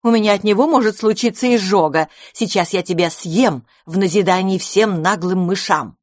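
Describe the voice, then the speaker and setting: A woman's voice: medium pitch, no echo, clean studio sound, natural voice. A woman playing a sly, gloomy mother cat. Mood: disdainful. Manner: drawn-out, insinuating. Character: huge grey mother cat, gloomy and predatory.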